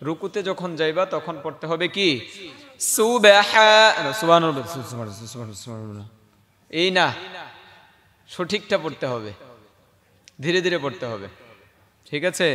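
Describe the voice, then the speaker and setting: A man teaching children Quran recitation, questioning and coaxing them, then modelling the verses slowly. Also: mid-range voice, fairly bright tone, long reverb tail.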